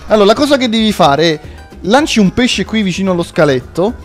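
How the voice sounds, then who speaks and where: Excitable young man, lively high voice. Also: brisk, faint music behind. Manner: jokey, theatrical, bursts into mock yelps. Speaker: gaming video host. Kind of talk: playful gameplay commentary with a friend.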